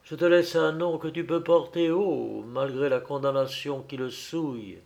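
A man voicing a dying father, grave and creaky. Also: fairly high pitch, fairly even intonation, darkish tone. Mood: solemn. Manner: grave, measured, rising to fervent curses. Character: dying old father, solemn and vengeful.

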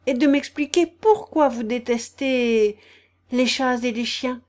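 A woman's voice: fairly high pitch, slow, a little mellow, pitched above the performer's own voice. A woman voicing Alice, a curious, polite young girl who talks earnestly and a little apologetically. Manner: eager, earnest, slightly apologetic.

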